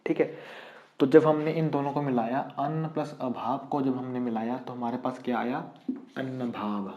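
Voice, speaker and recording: A male teacher giving an online exam-prep lesson, explaining step by step and asking and answering his own questions. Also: mid-range voice. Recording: dull, roomy lo-fi recording.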